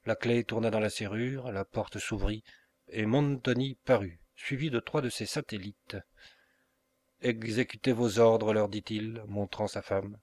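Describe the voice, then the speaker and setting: A man narrating a novel as an audiobook reader, measured and unhurried with pauses. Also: lowish voice.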